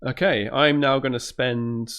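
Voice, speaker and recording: A man playing a board game with friends, mumbling and narrating his own moves out loud. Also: mid-range voice, fairly even intonation, measured pace, clear, resonant tone, dull audio. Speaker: player in a board game session. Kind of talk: casual gaming chat over voice call.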